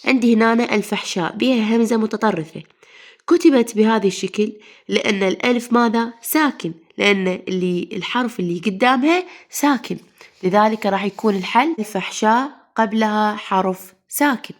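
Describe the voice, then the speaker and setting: A woman's voice: mid-range voice, fairly quick. A woman teacher with an Iraqi Arabic accent, a little unwell, explaining a grammar lesson and asking the class questions she then answers. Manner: asks the class then answers herself, calls pupils "mama".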